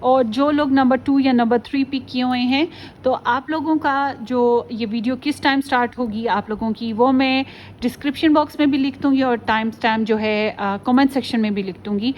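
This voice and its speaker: A woman's voice: high-pitched, steady tone, normal speed, lo-fi sound, a little hiss or hum. A woman tarot reader talking casually to her viewers, chatty and often slipping in English phrases. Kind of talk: casual pick-a-card tarot video.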